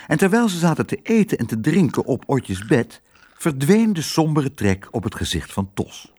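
A man reads a children's storybook aloud, his pitch swinging widely as he tells the story. His voice is husky and breathy, recorded close and dry with no room sound. The reading stays expressive from line to line. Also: normal speed, no room sound. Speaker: narrator.

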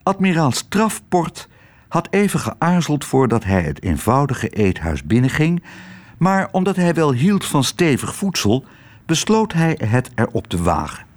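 A man narrating a children's storybook in an expressive way. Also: a little high, unhurried. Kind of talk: storybook reading.

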